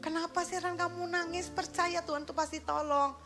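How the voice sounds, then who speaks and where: A woman's voice: very high-pitched, fairly even intonation, moderate pace, music in the background, pitched above the performer's own voice. A woman voicing a worried, consoling female friend from church in a sermon story. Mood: concerned.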